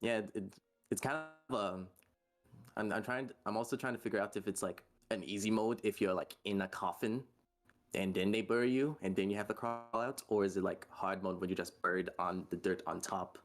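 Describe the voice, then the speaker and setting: A man with a fairly low voice plays his character in a tabletop game, rambling along with plenty of fillers and restarts. Faint music sits under his voice. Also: brisk. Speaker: player. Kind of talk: tabletop role-play, casual in-character chat.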